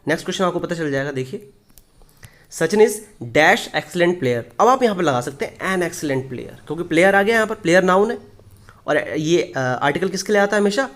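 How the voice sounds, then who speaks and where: Man, high voice, grammar teacher leading a Hindi classroom lesson, asks and answers his own questions, reads examples slowly. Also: lively intonation, fairly bright tone. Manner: explains step by step, asks questions and answers them; reads English example sentences slowly and deliberately.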